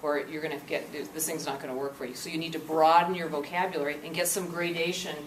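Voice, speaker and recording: In a classroom or meeting room, a workshop presenter with a deep voice speaks fast, coaxing listeners and frequently asking "okay?" during her interactive lecture. Because a camcorder records her from far away, the room echoes and a steady noise runs beneath.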